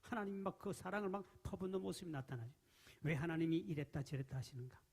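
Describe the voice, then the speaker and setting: A man preaching with a husky, breathy edge to a fairly high voice. He swings from loud, forceful outbursts down to soft whispers as he preaches. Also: quick pace. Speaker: pastor. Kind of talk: sermon. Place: church sanctuary.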